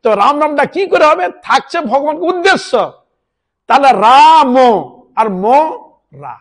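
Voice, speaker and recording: A monk preaching a devotional sermon who keeps asking his listeners questions and lets his voice sink low at the end of each point. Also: animated, a little slow. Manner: keeps checking in with listeners through rhetorical questions; drops into a lower, softer voice at the ends of points.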